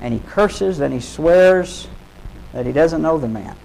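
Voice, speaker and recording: A man's voice: on the high side, lively intonation, unhurried, gravelly, darkish tone, a little hiss or hum, rough recording. A man preaching a sermon, retelling a story in casual, vivid terms and putting direct questions to his listeners.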